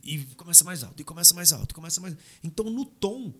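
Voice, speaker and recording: A man talking casually into a studio microphone on a podcast, animated and pushing his pitch up when he makes a point. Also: fast, husky. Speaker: podcast host.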